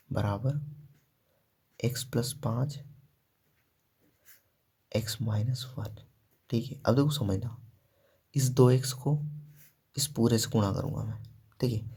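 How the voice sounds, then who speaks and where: A man's voice: medium pitch, gravelly, mellow, husky. A man teaching a math lesson step by step, asking questions and answering them himself, with frequent "ठीक है" and "देखो".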